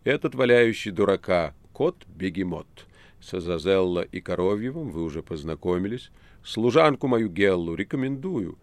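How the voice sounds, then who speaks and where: A man voicing an imperious ancient male devil, speaking in a measured, commanding drawl. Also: deep voice, lively intonation, dry recording.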